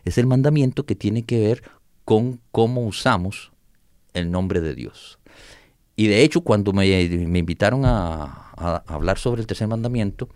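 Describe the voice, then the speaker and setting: A man's voice: lowish voice, unhurried, no echo. Dry-voiced man teaching scripture. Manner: animated explainer, reads scripture aloud, laughs often. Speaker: Bible teacher guest. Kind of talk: conversational Bible teaching.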